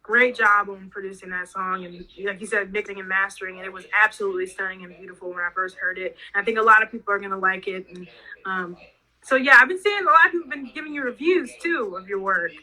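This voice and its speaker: A woman's voice: medium pitch, quick pace, pushed and bright, rough recording. A young woman hosting a casual podcast interview, rambling loosely with lots of "like". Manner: rambling, heavy use of "like". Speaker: podcast host.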